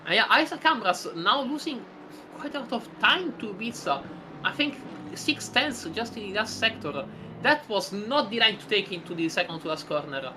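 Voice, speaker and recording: A woman giving live sim racing commentary, chatty and rambling, breaking into excited exclamations. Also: mid-range voice, normal speed, noisy background.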